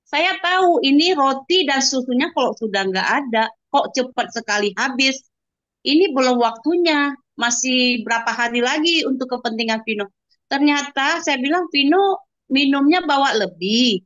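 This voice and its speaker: High-voiced mother giving a heartfelt testimonial. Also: fairly bright tone, no room sound. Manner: addresses the listener as "Pak" constantly, with pious exclamations. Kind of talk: earnest testimonial interview. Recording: dull, lo-fi dry recording.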